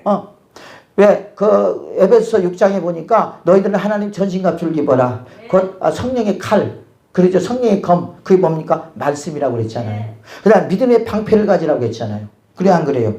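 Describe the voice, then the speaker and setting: A man's voice: high voice, animated, brisk, warm tone. A middle-aged male pastor preaching a sermon, constantly asking his congregation rhetorical questions.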